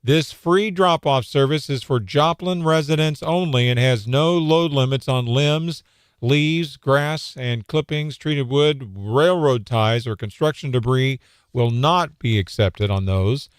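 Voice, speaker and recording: A man's voice: mid-range voice, a little slow, smooth, no echo. A man co-hosting a morning radio news show, reading out details and slipping in short, dry quips. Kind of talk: casual talk radio news. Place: radio studio. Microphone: studio microphone.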